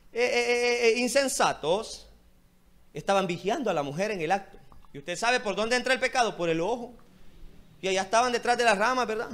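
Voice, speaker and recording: A man's voice: high-pitched, a bit bright. A man pastor preaching a sermon, speaking directly to his listeners with fervent emphasis. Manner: impassioned preaching, repeated direct address to listeners.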